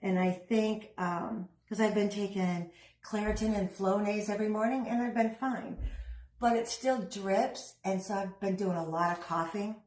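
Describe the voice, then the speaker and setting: A middle-aged woman talks her way through a craft project at home in a chatty, rambling way, dropping self-deprecating asides. Her voice sits at an average pitch for a woman. The room around her gives a noticeable echo. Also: steady tone, normal speed, a little mellow. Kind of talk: casual craft vlog chat.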